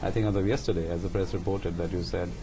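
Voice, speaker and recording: Male interviewer, fairly low voice, probing but conversational questions, faint noise behind. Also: fairly even intonation, quick pace, warm tone. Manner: conversational, probing, rephrases and sums up.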